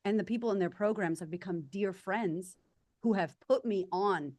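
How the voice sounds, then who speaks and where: A woman's voice: medium pitch, normal speed, a little mellow, dry recording. A woman with an Australian accent speaking casually as an interview guest, candid, emphatic and informal. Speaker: podcast guest. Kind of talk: casual conversational interview answers.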